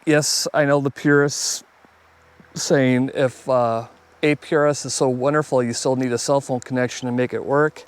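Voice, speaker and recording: A man with a medium-pitched, clean voice speaks at a moderate pace with fairly even intonation. As a hobbyist video host, he reviews gear casually and off the cuff, plainspoken and conversational.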